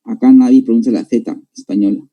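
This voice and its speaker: A man's voice: medium pitch, steady tone, fairly quick, dark tone, muffled recording. A male language teacher with a Peruvian Spanish accent, lecturing a class in an explanatory way and checking in with students through tag questions. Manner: explanatory, tags sentences with "¿no?" and addresses students directly.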